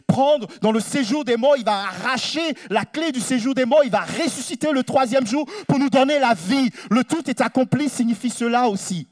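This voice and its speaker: A high-pitched man delivers a sermon to a congregation. He asks questions and repeats refrains. His voice sinks to quiet, low phrases and then rises into raised, near-sung lines. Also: expressive, normal speed, hardly any pauses. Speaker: preacher.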